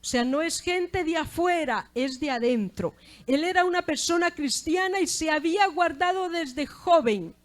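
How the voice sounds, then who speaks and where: A woman's voice: very high-pitched, animated, normal speed. A middle-aged woman preaching a sermon, earnest and often praising God between phrases. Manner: earnest preaching with repeated "gloria sea al Señor".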